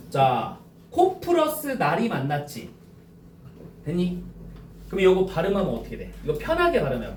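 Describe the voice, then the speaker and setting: A male high school teacher lecturing to a class, slowly dictating key points and often checking whether students follow. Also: darkish tone, reverberant, recorded from a distance, a little hiss or hum.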